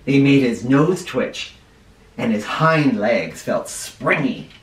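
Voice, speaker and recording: He's a first grade teacher of medium pitch, reading a picture book aloud with an animated, rising and falling voice. Along the way he explains words to the children, and the recording has an echo from a mic placed a little away.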